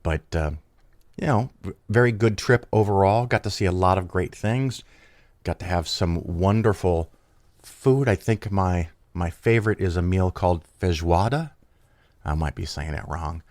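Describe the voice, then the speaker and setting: A man with a deep, darkish voice hosts his own podcast, talking casually and solo while he has a cold. He speaks at a normal speed, rambling, chatty, and correcting himself, with no room sound in the recording.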